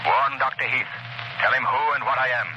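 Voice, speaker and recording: An actor in a 1930s radio drama playing The Shadow, a mysterious, menacing crime fighter who speaks in a deliberate, theatrical way. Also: male voice, medium pitch, level tone, dull audio, close to an everyday voice. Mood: commanding. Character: The Shadow, mysterious unseen male crime fighter, ominous and commanding. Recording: noisy old 1930s radio broadcast.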